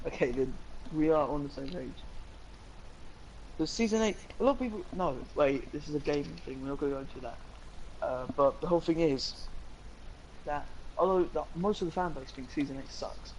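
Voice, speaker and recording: A man's voice: on the high side, darkish tone, a little hiss or hum, rough recording. A young man, co-hosting a casual live-stream chat, rambling eagerly with lots of fillers. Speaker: co-host.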